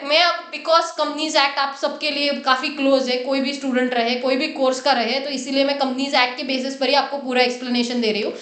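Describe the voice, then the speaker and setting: A young Indian woman teaching a lesson, with energetic, emphatic delivery that repeats key points. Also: high voice, echoey room. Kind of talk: explanatory lesson.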